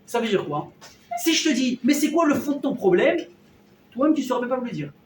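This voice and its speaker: A man teaching a lively Torah class to a live audience, acting out everyday dialogues and firing questions at his listeners. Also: very high-pitched, a little fast. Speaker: rabbi teaching a weekly class. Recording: roomy hall, mic at a distance, faint noise.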